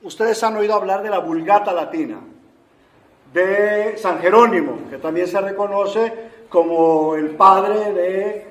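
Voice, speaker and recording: Guy teaching a class, talks slow and explains, lots of eh's, sounds like a big echoey room. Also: high-pitched. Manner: unhurried, explanatory, with frequent "eh" fillers. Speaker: Bible translation lecturer. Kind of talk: explanatory lecture to an audience. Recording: roomy echo.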